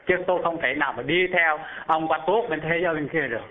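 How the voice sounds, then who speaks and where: A man's voice: fairly high pitch, quick pace, natural voice. A man voicing a wavering wife who agrees only halfway, talking in a hesitant, hedging way, heard over a phone-like narrow band. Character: wavering third wife offering half-help.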